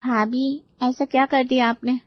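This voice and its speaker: A woman voicing a high, bubbly young college girl. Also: little pitch movement, unhurried, no echo. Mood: pleading. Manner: high and pleading. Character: bubbly teenage college-going sister-in-law. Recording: dull lo-fi dry recording.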